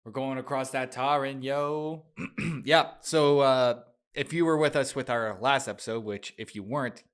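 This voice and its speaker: A man's voice: medium pitch, measured pace, smooth. Chatty male podcast host with a dry throat. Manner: laughs often, chatty and loose, with filler words. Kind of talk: casual book discussion podcast.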